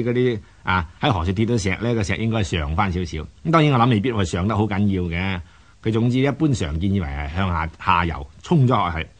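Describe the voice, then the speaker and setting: Unscripted and didactic, the lowish-voiced man presenting the programme pauses often and doubles back over the same words while he explains.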